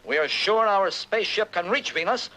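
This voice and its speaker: Blustering older general: sharp, petulant, self-important cartoon bark. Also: male voice, high-pitched, animated, moderate pace, poor audio. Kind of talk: exaggerated cartoon acting.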